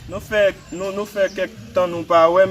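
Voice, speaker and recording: A man's voice: high voice, level tone, moderate pace, a bit bright. A man with a Haitian accent playing a cocky streetwise guy in a comic skit, mixing colloquial French with Creole. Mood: arguing.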